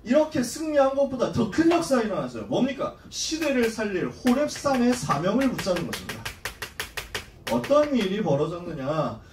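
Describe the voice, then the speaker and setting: A male youth pastor rattles through a Bible story in a high, very animated voice, slangy and playful with his listeners. He sits back from the mic in an echoey church hall, with faint ambience behind him. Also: normal speed, distant mic, background noise. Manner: casual and slangy, acting out story scenes. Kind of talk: lively youth sermon.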